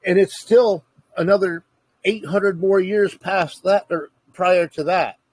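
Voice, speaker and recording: A man's voice: high-pitched, steady tone, slow pace, a little mellow, husky, no echo. A man in casual conversation, earnestly explaining his views at length in a lecturing way.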